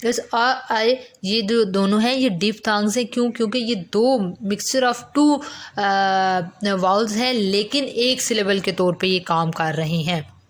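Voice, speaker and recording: A woman's voice: mid-range voice, unhurried. A woman with a Pakistani accent teaching English phonetics in a lecture, explaining terms step by step and mixing English words into her talk.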